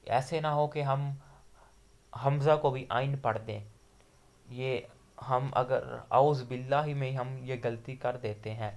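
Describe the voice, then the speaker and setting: Patient man teaching letter sounds slowly. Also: medium pitch, fairly even intonation. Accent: Pakistani Urdu. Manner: patient, explains letter sounds step by step, drawing out example letters. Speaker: Quran recitation teacher. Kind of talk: slow explanatory lesson.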